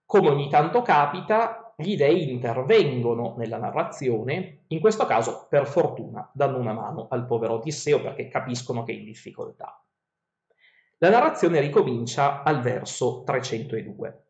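A male teacher gives a video lesson on an epic poem, reading lines aloud and then putting them into simple words. His pitch rises and falls in a lively way as he explains. The recording sounds roomy and a little dull and lo-fi. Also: normal speed. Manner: reads verses aloud, then paraphrases them in plain words.

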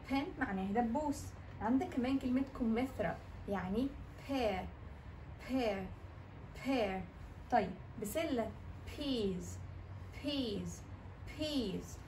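A woman teacher with an Egyptian Arabic accent drills English vocabulary and sounds, repeating each word several times. Her voice sits a bit high. She is heard from a little distance, with faint noise behind. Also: a little mellow, reverberant. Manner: repetitive drilling of words. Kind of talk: explaining vocabulary and phonics.

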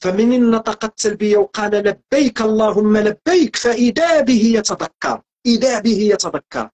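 A man's voice: high voice, darkish tone. A man with a Moroccan accent giving a spiritual teaching talk as a religious guest, earnest and emphatic, repeating phrases as he builds each point. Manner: earnest, repetitive, preaching emphasis.

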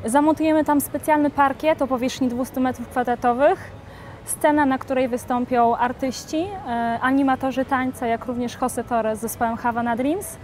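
A young woman with a fairly high voice talks through a dance event schedule in a TV studio interview. She is lively and upbeat, on a lapel mic. Faint background noise runs under her. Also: normal speed. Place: studio set in a shopping mall.

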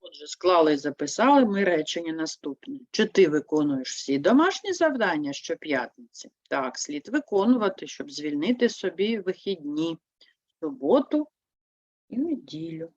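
A woman teaches young pupils in a lively, rising and falling voice, fairly low in pitch. She explains each step slowly and clearly, as if dictating. The sound is dry and a little dull. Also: dry recording. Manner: slow, clear dictation-like explanation, answering her own prompts. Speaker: primary school teacher. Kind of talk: online lesson for young pupils.

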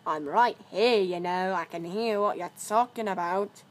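A woman's voice: medium pitch, measured pace, slight background noise, close to an everyday voice. A woman voicing a sulky, defensive male diesel engine.

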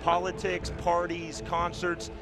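A man giving live play-by-play fight commentary in crisp, clipped phrases. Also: sits high, completely flat delivery, takes it slowly, music in the background.

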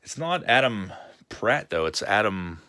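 A man's voice: fairly low pitch, very animated, a little slow, bright, forceful tone. A man, casually chatting with a live-stream chat while opening card packs at a home desk. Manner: chatty, reads chat messages aloud with laughs.

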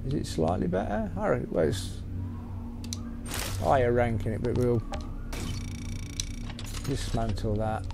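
This gaming host speaks in a medium-pitched, sing-song voice, a little slow, with vocal fry and long pauses. His rambling walkthrough is a voice-over on gameplay capture, with game music playing loudly behind him.

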